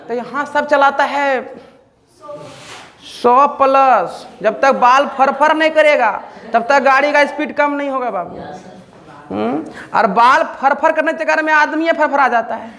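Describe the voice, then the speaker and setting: A man's voice: very high voice, fairly bright tone. A man teaching an English grammar lesson, repeatedly asking the class questions and answering them himself.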